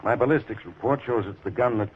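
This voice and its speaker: An actor playing a blunt, exasperated police inspector with an American accent and brusque, slangy delivery in 1940s radio crime style. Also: male voice, medium pitch, fast talker, a little hiss or hum, lightly acted. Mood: businesslike. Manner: brusque, slangy tough cop. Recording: muffled, dull 1940s radio recording.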